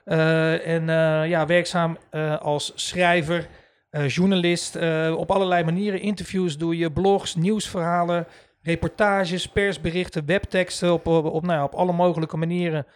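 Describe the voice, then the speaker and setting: A man co-hosts a casual chat podcast. His pitch sits a bit above the usual male range. He halts and restarts his sentences often while he introduces a guest. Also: flat delivery, normal speed, clear, resonant tone. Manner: hesitant with many fillers and restarts. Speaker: podcast co-host.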